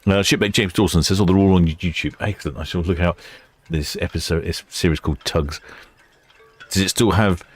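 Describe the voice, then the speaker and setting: A man's voice: deep voice, fairly even intonation, brisk, breathy edge, no echo. A man hosting a casual live ship-spotting stream, chatting and musing as he watches. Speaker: livestream host.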